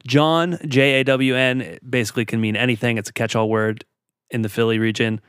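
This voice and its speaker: A man hosting a podcast, explaining things in a lively, playful way. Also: mid-range voice, brisk, clear, resonant tone, no echo, clean studio sound. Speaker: podcast host.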